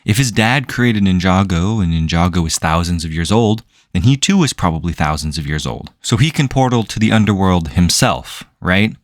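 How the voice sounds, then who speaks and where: Male commentary reviewer: slightly low voice, sarcastic and incredulous, close dry sound. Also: expressive, moderate pace, hardly any pauses, dry recording. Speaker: video reviewer.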